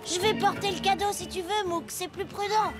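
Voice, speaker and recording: A woman voicing an anxious, bossy young child in an animated series, fussy and hesitant but pleased with their own advice. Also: very high-pitched, normal speed, loud music behind the voice. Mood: worried, cautious. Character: anxious, bossy, boastful young child, cautious best friend.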